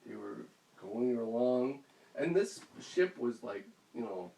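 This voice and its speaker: A man's voice: mid-range voice, lively intonation, takes it slowly, vocal fry, dark tone. A father improvising a playful, rambling bedtime story at home, often laughing as he goes. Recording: roomy echo, mic far off, faint hiss.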